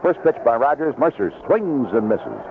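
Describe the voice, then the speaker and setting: Over a dull, noisy vintage AM radio broadcast, an American man calls 1970s baseball play-by-play from an outdoor ballpark booth. His medium-pitched voice swings widely in pitch at a moderate pace, delivered in clipped, short fragments.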